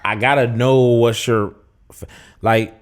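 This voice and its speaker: A young man co-hosting a casual dating podcast, laid-back and halting, often restarting his sentences. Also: mid-range voice, steady tone. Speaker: podcast co-host. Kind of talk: casual chat.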